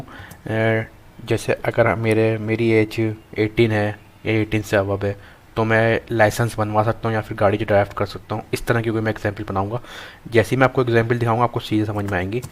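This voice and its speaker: Young male programming tutor, low monotone voice, halting think-aloud delivery at a desk mic. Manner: thinks aloud while typing, halting with many restarts. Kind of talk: screen-recorded coding lesson.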